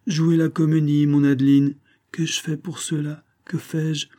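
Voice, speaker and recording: A man reading the part of a scheming, smooth-talking middle-aged army major, pompous and theatrical, mock-affectionate toward his wife. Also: on the high side, flat delivery, measured pace, mellow, voice pushed up.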